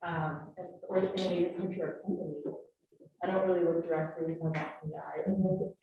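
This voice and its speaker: A woman's voice: on the low side, steady tone, brisk, far from the mic. A woman participant in a workshop adding a thoughtful, somewhat hesitant comment to the discussion. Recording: echoey room, thin phone-like sound, faint noise.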